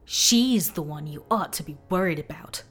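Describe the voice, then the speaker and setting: A woman voicing a calm, cold female ghost-hunter who speaks quietly and measured, half in a whisper. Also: sits low, slightly rough, voice pushed up, exaggerated voice.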